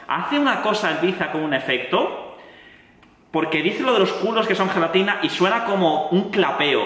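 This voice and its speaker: A man from Spain with a Spanish accent, reacting to a song in excited, casual commentary full of fillers and exclamations. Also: high voice, moderate pace. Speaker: music reaction youtuber. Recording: echoey roomy sound with long reverb.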